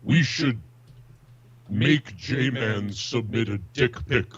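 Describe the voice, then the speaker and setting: A man speaks through a voice changer on a call-in line and makes mock-menacing offers in a deadpan way. His delivery is slow and unhurried. The call audio is muffled and lo-fi. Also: mid-range voice, husky. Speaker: caller. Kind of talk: joking call-in banter.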